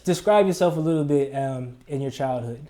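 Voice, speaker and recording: A man's voice: medium pitch, brisk, mellow. A man hosting a casual interview in a recording studio, asking easygoing, loose questions. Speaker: interview host.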